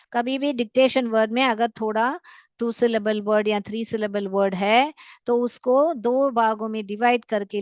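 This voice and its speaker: A woman English teacher giving a lesson in Hindi mixed with Indian English, patient and repeating each word slowly in syllables. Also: on the high side, no room sound. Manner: mixes Hindi and English, calls students "beta". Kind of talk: classroom lesson with dictation.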